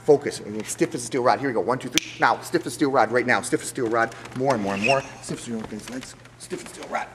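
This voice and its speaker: A man's voice: mid-range voice, fast, few pauses. A middle-aged man working as a stage hypnotist, giving commanding, repetitive, insistent instructions in a live show. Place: large theater stage before an audience. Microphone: handheld microphone through hall speakers. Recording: echoey hall, noisy crowd, camcorder audio.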